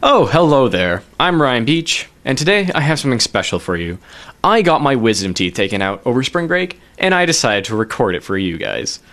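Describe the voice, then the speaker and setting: A man's voice: medium pitch, sing-song, brisk, a bit bright. Sarcastic young male student reporter. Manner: sarcastic, mock-dramatic. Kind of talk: vlog-style news feature.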